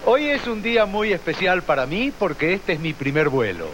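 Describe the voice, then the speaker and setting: A man's voice: high voice, normal speed, slight background noise. An actor playing a bumbling male airline captain on his first flight, announcing to passengers over the PA system in a stiff, formal announcer manner. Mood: deadpan. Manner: formal, stiff announcer delivery with deadpan absurd remarks. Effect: announcing over the plane's PA system.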